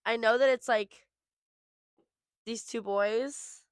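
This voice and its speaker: A woman's voice: on the high side, fairly even intonation, takes it slowly, clear, resonant tone, dry recording, clean studio sound. A young woman in her late teens or early twenties, co-hosting a podcast in a playful, joking way, full of fillers. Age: young adult. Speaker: podcast co-host. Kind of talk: casual chat. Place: outdoors at a picnic.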